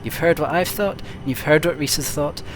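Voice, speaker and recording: A man's voice: fairly high pitch, normal speed, slight background noise. A young man narrating his travel vlog in a friendly, earnest voice-over. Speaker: transport vlogger. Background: guitar music.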